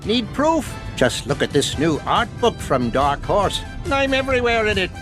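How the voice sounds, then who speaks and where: A man's voice: high voice, sing-song, slow pace, exaggerated voice. A man voicing a vain, cackling skeletal evil overlord in an advert, boastful and mocking. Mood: gloating. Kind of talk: animated villain ad. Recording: music bed under the voice.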